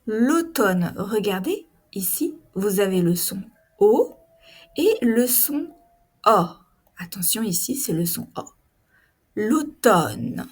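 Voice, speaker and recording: A woman giving a pronunciation lesson at a very unhurried pace, spelling out each word with deliberate care. Her voice is breathy and a little husky. She repeats every example and speaks straight to her learners. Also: medium pitch, big pitch swings. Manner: addresses learners directly, explains spelling. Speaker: French pronunciation teacher.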